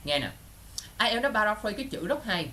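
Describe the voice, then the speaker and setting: Very animated, bright, and forceful, this man's high voice drives a lively online class for English exam students. Quick questions keep coming as he constantly checks that everyone is keeping up.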